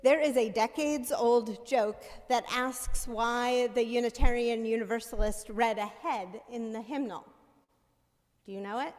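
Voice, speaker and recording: A woman minister preaching a sermon into a pulpit microphone in a church sanctuary, measured and conversational, often asking the congregation "right?". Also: fairly high pitch, darkish tone. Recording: long reverb of a church hall.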